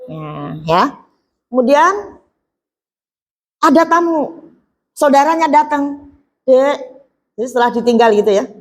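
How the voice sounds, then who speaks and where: A woman's voice: high voice, measured pace, long pauses. A middle-aged woman giving a religious talk to a group of women, telling stories with acted-out dialogue and asking her listeners questions. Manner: lively storytelling, acting out dialogue, asking the audience questions. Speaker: preacher.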